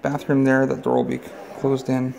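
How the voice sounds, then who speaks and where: Holding a phone camera, a man tours a large unfinished house indoors, casually naming rooms as he walks through. His medium-pitched voice is gravelly and darkish, delivered completely flat at a normal speed and matter-of-fact. The audio is poor, with slight background noise.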